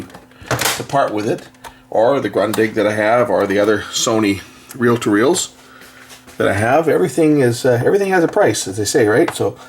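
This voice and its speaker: A mid-range male voice comes through with a little hiss or hum. The speaker, a repair technician who hosts electronics videos, demonstrates a fix casually and hands-on, keeping his explanations matter-of-fact.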